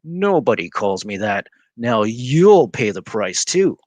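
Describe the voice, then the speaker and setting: A man voicing a huge schoolboy bully, speaking slowly, loudly and threateningly in a storybook reading. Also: medium pitch, sing-song, no room sound. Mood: menacing.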